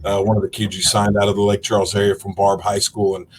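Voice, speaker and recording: A man's voice: fairly low pitch, monotone, fast, slight background noise. A man hosting an interview, asking friendly, loosely worded questions with fillers. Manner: friendly, filler-heavy, says y'all. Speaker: interviewer, tourism sales director.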